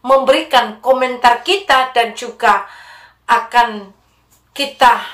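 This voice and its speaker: Woman channel host, measured religious commentary, higher voice, roomy echo. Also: steady tone, a bit bright. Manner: measured, addresses viewers as friends. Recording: echoey room.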